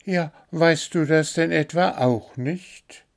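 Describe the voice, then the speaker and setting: A man voicing a small, stubborn blue bird in a children's story, talking high and insistent. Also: slow pace, a little mellow.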